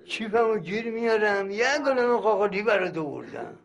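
An actor playing a stingy, boastful older uncle back from abroad, blunt and teasing. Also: male voice, high voice, expressive, vocal fry, muffled recording. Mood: playful. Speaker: visiting uncle. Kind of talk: sitcom acting.

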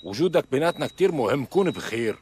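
A man's voice: mid-range voice, very animated, very fast, a little mellow, a little hiss or hum, close to an everyday voice. An actor playing a nervous, earnest man with a Levantine accent who talks a friend round. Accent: Levantine Arabic. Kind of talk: dubbed drama dialogue.

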